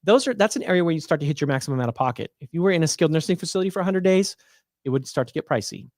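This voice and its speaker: A man's voice: on the high side, darkish tone, dry recording, clean studio sound. A man hosting a livestream, casually walking viewers through insurance plans while thinking aloud with fillers and restarts. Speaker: Medicare plan advisor hosting a livestream.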